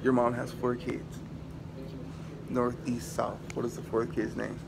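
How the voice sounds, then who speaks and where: A man's voice: medium pitch, completely flat delivery, a little slow, vocal fry. A teenage boy filming on a handheld phone in a school, quizzing classmates with riddles and teasing their wrong answers. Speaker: vlogger asking riddles. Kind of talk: casual prank interview. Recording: noisy crowded school room. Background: students chatting.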